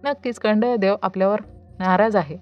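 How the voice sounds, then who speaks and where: A woman's voice: mid-range voice, fairly even intonation, fairly quick, dull audio, soft background music, lightly acted. A woman voicing a kindly, gossipy female housemaid who speaks in a confiding way.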